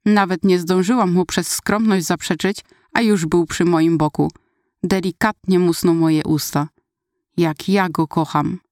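A woman's voice: lowish voice, fairly even intonation, a little slow, a little mellow, dry recording, clean studio sound. A woman reading a first-person story aloud in a conversational, wry storytelling manner. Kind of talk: first-person audiobook narration.

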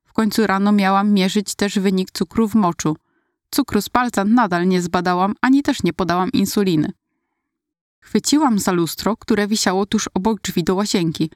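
A woman's voice: mid-range voice, moderate pace, no echo. Woman reading a personal story, dry sound. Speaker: storyteller recalling her childhood. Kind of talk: read-aloud personal story.

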